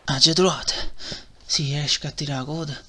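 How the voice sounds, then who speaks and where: Man voicing a bright, forceful Neapolitan anime hero. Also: on the high side, steady tone, moderate pace. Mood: urgent. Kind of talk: amateur parody dub of an anime in dialect.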